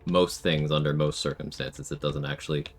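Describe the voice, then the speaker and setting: A man's voice: very deep voice, flat delivery, normal speed. A man giving casual, matter-of-fact gameplay commentary, thinking aloud as he plays. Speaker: gaming streamer.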